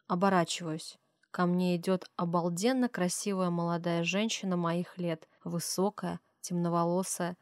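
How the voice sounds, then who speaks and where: Woman audiobook narrator, first-person, expressive and steady, dry studio sound. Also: lowish voice, no room sound.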